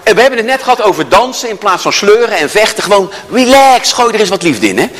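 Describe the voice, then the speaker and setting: A man with a high, bright voice leads a live workshop and swoops all over his range as he jokes with the crowd. His words ring out with the long reverb of a large hall. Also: fast talker. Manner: animated, joking storyteller who addresses the audience. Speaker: workshop speaker. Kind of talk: interactive talk to a live audience.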